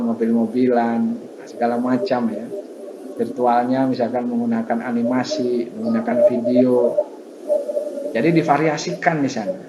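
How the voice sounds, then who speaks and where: A man giving an online tutorial lecture as a university tutor, explaining casually with many fillers and repetitions. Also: medium pitch. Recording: roomy, dull sound with faint noise.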